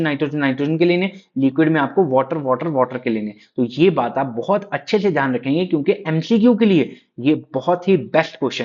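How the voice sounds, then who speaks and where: A man's voice: on the high side, darkish tone, dull audio. A man teaching a chemistry class in Hindi with terms. He keeps asking questions and answering them himself, and he calls his students "beta". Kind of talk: classroom lecture.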